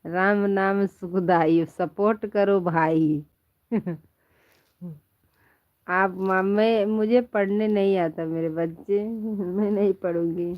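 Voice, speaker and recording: Woman host, casual live chat, slow and playful, lo-fi phone audio. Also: medium pitch, fairly even intonation, no echo. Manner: chatty and playful, laughs often, calls viewers "my child". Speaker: live-stream host chatting with viewers. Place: at home in bed under a quilt.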